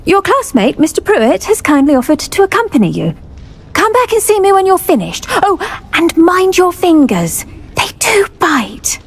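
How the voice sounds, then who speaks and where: A woman performs a full character voice, very high-pitched and very animated at a moderate pace. She plays a cheerful, kindly British herbology professor in a video game, speaking effusively and encouragingly with plant puns.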